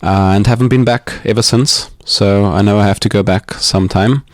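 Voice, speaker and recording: Soft-spoken low-voiced Austrian guest. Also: male voice, steady tone, moderate pace, dry recording, studio quality. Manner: hesitant, reflective, with many ums and restarts. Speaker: podcast guest. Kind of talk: casual interview talk. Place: home living room.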